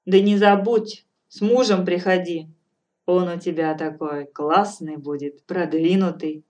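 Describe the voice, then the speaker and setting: A woman's voice: lowish voice, steady tone, measured pace, a little mellow, close to an everyday voice. Woman voicing a blunt old fortune-teller. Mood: cheerful. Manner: cool, matter-of-fact, firmly lecturing. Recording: distant from mic, faint music behind.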